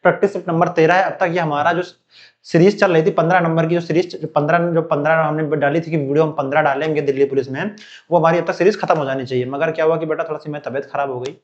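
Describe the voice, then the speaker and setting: A man's voice: a little high, steady tone, quick pace, muffled recording. A male teacher giving an online exam-prep lesson, talking straight to his students, filling gaps with "theek hai" and calling them "beta", still getting over a cold. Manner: talks directly to students, calls them "beta", lots of "theek hai" fillers. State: recovering from a cold, still coughing.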